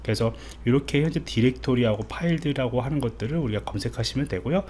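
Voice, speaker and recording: A man with a medium-pitched, slightly mellow voice talks fast as an IT instructor giving a casual, step-by-step coding tutorial. He thinks aloud while typing, voicing over a screen recording indoors, with background noise clearly audible.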